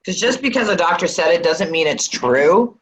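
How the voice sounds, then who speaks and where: A woman's voice: lowish voice, lively intonation, moderate pace, slight background noise, low-quality recording. A woman hosting a spiritual healing session on a video call, soothing and affectionate, calling callers honey.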